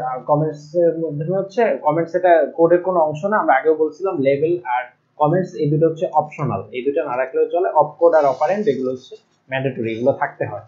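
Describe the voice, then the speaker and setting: Fast-talking male lecturer, lo-fi sound. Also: fairly high pitch, darkish tone. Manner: explanatory, pauses to write on board and correct himself. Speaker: ICT teacher. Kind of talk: recorded classroom lecture. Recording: dull lo-fi recording.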